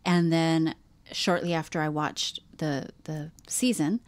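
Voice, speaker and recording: A woman's voice: low voice, fairly even intonation, slow, no room sound. A woman co-hosting a podcast, chatting casually, laughing often and trailing off mid-sentence. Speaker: podcast co-host. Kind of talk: casual chat.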